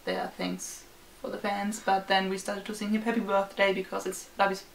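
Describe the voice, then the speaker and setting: A woman's voice: mid-range voice, flat delivery, moderate pace, creaky. A young woman, chatting enthusiastically as a vlog co-host about a concert she attended. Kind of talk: casual chat reviewing a concert. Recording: roomy, distant mic, faint noise.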